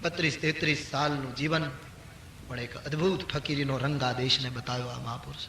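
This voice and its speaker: Older man preaching, bright and echoey. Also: steady tone, a little fast, slight background noise. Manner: rises sharply for emphasis, drops low for storytelling. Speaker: spiritual storyteller. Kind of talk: devotional discourse with chanted verse. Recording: echoey hall with faint ambience.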